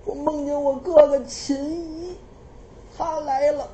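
A woman voicing a dramatic old princess consort in a Beijing accent, wailing and pleading in drawn-out tones. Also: high voice, steady tone, warm tone, a little hiss or hum, voice pushed up. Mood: distraught.

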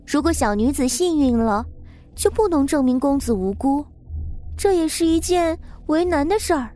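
A woman's voice: high-pitched, expressive, a little slow, darkish tone. A woman doing a coy young courtesan. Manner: coy, laughing, self-assured. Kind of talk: storytelling with voiced characters. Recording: faint background music.

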